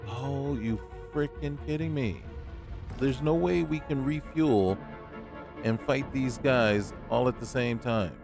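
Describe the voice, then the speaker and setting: A man's voice: mid-range voice, takes it slowly, creaky. A man hosting a let's play, ranting in exasperation and swearing at the game as he plays. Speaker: gaming channel host. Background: game music.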